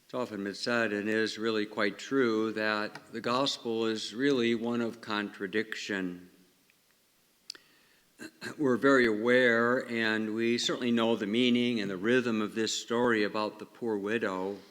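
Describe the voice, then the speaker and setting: A man speaking as a priest at a church service, reflective and measured, with cathedral echo around his voice. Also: on the low side, fairly even intonation, a bit bright, clear, resonant tone. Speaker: priest giving the Gospel and homily. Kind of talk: liturgical reading and homily. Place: large reverberant church. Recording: cathedral echo, long reverberant church hall.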